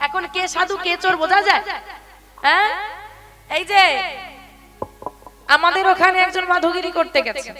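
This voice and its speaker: A woman's voice: very high voice, moderate pace, pauses often. A woman kirtan singer and preacher giving a devotional sermon to seated listeners. She asks the crowd rhetorical questions, calls them "baba", and chants scripture verses in a sing-song lilt. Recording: music playing behind speech. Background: devotional music.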